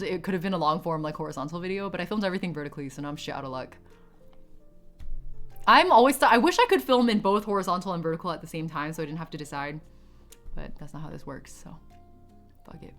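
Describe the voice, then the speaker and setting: Late-twenties woman streamer, rambling giggly chatter, bright edge, soft music underneath. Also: medium pitch. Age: 20s. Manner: rambling, giggly, swears casually. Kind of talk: casual chat with live chat.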